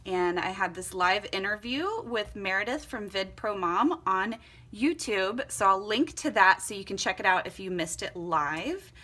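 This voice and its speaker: A young woman from Florida and Costa Rica vlogs casually about her home journal setup, cheerful and quick to laugh. Her medium-pitched voice has lively intonation and a sharp tone, and she speaks a little slowly.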